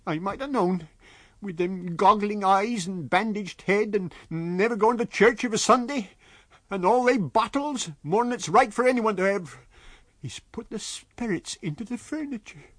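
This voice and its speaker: A man voicing a frightened middle-aged village landlady, pitched high, with excited dialect speech. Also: no echo, exaggerated voice.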